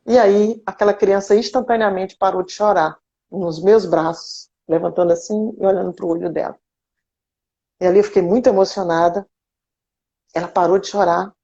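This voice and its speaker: A woman's voice: medium pitch, normal speed, breathy edge. Brazilian woman telling an emotional testimony. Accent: Brazilian Portuguese. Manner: animated storytelling, frequent restarts and repeated words. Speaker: guest giving a testimony. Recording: dull lo-fi recording.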